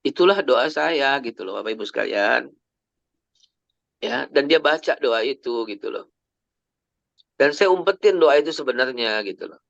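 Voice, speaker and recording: A man's voice: mid-range voice, expressive, normal speed, vocal fry, pauses often, a bit bright, dry recording. A man, telling personal stories in a chatty family sermon and sprinkling in English phrases. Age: 50s. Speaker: Islamic preacher. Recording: dry, slightly dull lo-fi recording.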